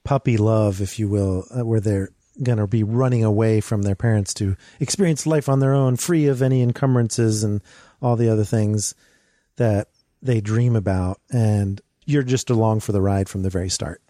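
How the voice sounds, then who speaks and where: A man co-hosting a podcast, talking quickly in an easygoing way. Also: on the low side, mellow, no room sound, clean studio sound. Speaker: podcast co-host. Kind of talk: casual podcast chat.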